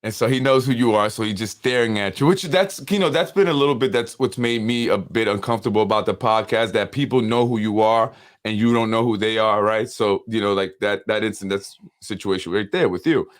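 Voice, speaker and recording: A man with a fairly low voice hosts a casual interview. He questions his guest carefully and keeps summing up what was said, often pausing to ask "right?". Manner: probing, recapping with frequent "right?". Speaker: podcast host.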